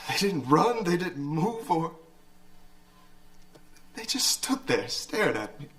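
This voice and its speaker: A stammering survivor, mid-pitched, haunted and hesitant. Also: big pitch swings, slow, a bit bright. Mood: shaken. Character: shaken survivor recounting driving through the dead.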